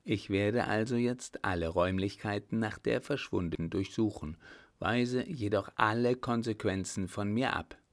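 A man's voice: on the low side, normal speed, close to an everyday voice. A man reading an audiobook, voicing an anxious, stiffly polite town mayor who protests in formal phrases.

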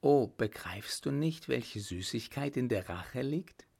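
A man reading an audiobook, voicing a calm, coldly vengeful young woman. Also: medium pitch, vocal fry, breathy edge, exaggerated voice. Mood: cold resolve. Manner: calm, hard, measured. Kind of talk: audiobook character voice.

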